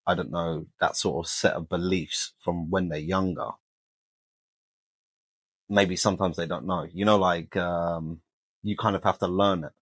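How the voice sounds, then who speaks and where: A man's voice: low-pitched, steady tone, unhurried, fairly bright tone, slightly rough, no room sound. A man, talking casually and colloquially as a podcast co-host, giving his opinions.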